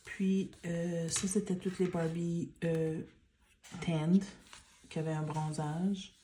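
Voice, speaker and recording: A woman with a Quebec French accent, speaking in a hushed library-like murmur in soft-spoken ASMR style and mixing in English words. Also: fairly low pitch, flat delivery, slow pace, slight background noise. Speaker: ASMR creator.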